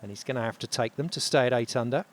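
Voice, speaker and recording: A man commentating on tournament golf, building drama in short, measured phrases. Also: mid-range voice.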